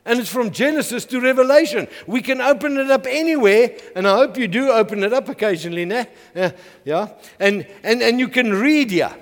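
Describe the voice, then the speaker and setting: A middle-aged man with a South African accent, preaching a lively call-and-response sermon to his church. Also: very high-pitched, brisk. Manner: energetic, call-and-response, frequent "Amen". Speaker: pastor. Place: church hall. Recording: long hall reverb.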